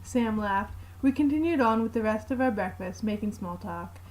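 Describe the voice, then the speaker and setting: A woman narrating a fanfiction aloud in the first person, with a steady, plain reading. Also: mid-range voice, normal speed, rough recording.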